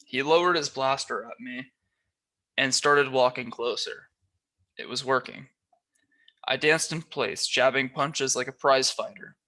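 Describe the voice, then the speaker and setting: A man reading a children's novel aloud as a volunteer reader, telling the story lively and shifting his voice a little for the characters. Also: mid-range voice, measured pace, pauses often.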